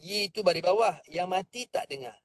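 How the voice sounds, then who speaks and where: A man teaching Quran recitation. He explains each point calmly and sings the verses in a drawn-out chant for students to copy. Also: high-pitched, slight background noise. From Malaysia. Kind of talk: slow patient recitation lesson. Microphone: online class microphone.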